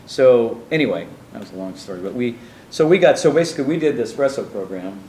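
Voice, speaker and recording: A man's voice: mid-range voice, expressive, fast, warm tone, reverberant, a little hiss or hum, poor audio. A man telling his life story in an interview, rambling through asides and acting out the people he quotes. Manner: meandering, many restarts and asides, acts out quoted people.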